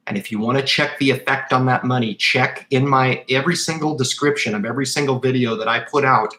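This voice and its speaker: A man in his thirties hosts a casual livestream, reading chat questions and answering in an animated, rambling manner full of fillers and restarts. His pitch is medium, and the recording quality is low.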